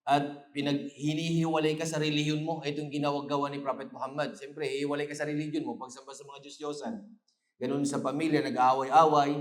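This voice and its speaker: A man preaching an Islamic lecture in a roomy, echoing space. His voice is mid-pitched, and he tells the story in surges, climbing to emphatic peaks and weaving in Arabic phrases. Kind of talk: Islamic lecture after evening prayer.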